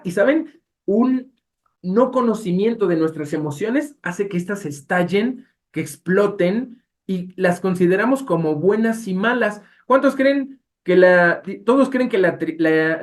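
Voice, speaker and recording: Man, Mexican accent, Bible class teacher, lively, rhetorical questions to listeners. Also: high-pitched. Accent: Mexican Spanish.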